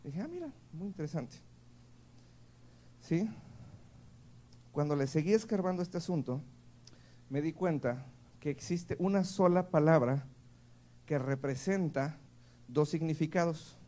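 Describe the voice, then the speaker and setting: Laughing between points, a playful Mexican-accented pastor preaches conversationally at a church service and keeps checking in with the congregation. He has a warm, somewhat high voice and speaks a little slowly, with long pauses.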